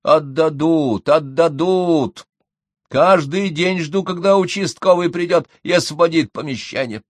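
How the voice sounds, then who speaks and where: Old mother, self-pitying and fussy, high drawn-out whine, voiced by a male reader. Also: no echo. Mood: complaining.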